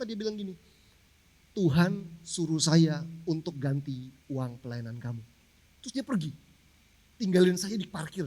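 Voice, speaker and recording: A man preaching a sermon to his congregation, telling a personal story in a casual, conversational way and speaking to the listeners directly. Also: high voice. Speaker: pastor. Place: large church hall. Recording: long church hall reverb.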